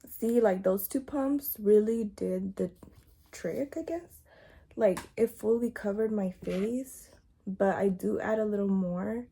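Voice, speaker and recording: A young beauty vlogger chats casually through a makeup tutorial at home, speaking softly with a groggy morning voice and sometimes dropping to a whisper. Her voice is mid-range and unhurried, recorded indoors on a phone's front camera with slight background noise.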